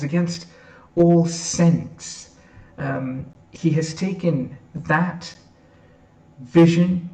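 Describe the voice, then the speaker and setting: Slow steady guy giving a heartfelt tribute speech, lots of ums, sounds far from the mic in a roomy space. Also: on the high side. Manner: earnest, with frequent um fillers. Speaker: editorial board member. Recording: echoey room, mic far off.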